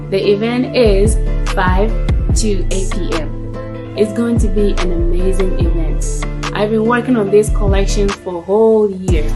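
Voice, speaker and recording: A woman who founded a fashion business, making an upbeat, scripted promotional announcement. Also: medium pitch.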